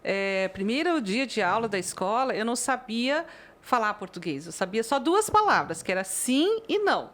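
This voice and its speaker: A woman who grew up in Brazil after a childhood in Taiwan, with Chinese as her first language, talking through her life in a relaxed interview and tagging her sentences with "né?". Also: fairly high pitch. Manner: thoughtful, frequent "né?" tag questions and filler pauses. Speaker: interviewee, university music professor.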